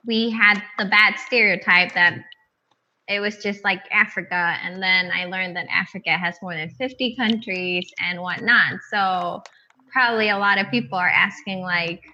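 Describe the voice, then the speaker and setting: Woman guest in her 20s from Colombia, native Spanish speaker, bright and chatty, over a muffled lo-fi call. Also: medium pitch, normal speed. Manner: cheerful, chatty, laughs easily. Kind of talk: casual video-call chat.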